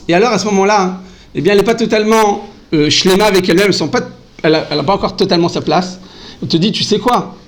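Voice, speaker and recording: A man giving an animated Torah class, often calling out to his listeners and mixing in Hebrew terms. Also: high-pitched, fast talker, poor audio. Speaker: rabbi teaching a Torah class. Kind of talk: lively Torah lesson.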